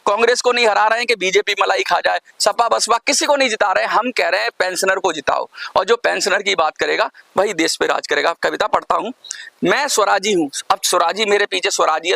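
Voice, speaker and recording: A man's voice: sits high, vocal fry, pushed and bright, dry recording. A man campaigning for pensioners, giving a rambling, preachy video talk straight to his viewers and breaking off his own sentences with fillers.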